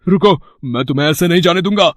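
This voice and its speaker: A man's voice: a little high, quick pace, no room sound, clean studio sound, close to an everyday voice. A man voicing a greedy, scheming older brother in a storybook tale, speaking in a wheedling tone full of hesitant fillers. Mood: panicked. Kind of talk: storybook voice acting.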